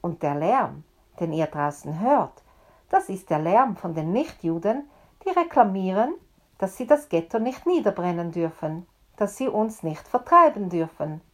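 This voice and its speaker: A woman's voice: lowish voice, very animated, unhurried. A woman voicing the rabbi's young son, telling urgently how he rescued everyone. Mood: relieved. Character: young man, the rabbi's son, relieved messenger.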